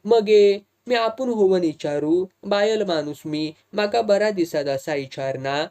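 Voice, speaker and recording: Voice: mid-range voice, takes it slowly, a little mellow. A reader voicing a teasing, evasive young village woman with a Malvani accent in an audiobook. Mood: blunt. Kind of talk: audiobook dialogue reading.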